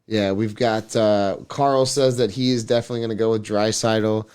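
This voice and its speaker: A man's voice: fairly low pitch, fairly even intonation, moderate pace, darkish tone, smooth. A man co-hosting a podcast, rambling casually about sports with lots of hedging and restarts. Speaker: podcast co-host.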